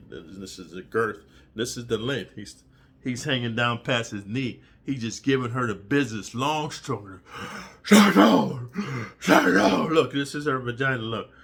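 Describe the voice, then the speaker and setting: A man tells a story in a loose, crude monologue with a bright, forceful tone at an ordinary pitch. He rambles and leans on "dude" and "bro", and now and then leaps into high, squeaky voices for the people he quotes.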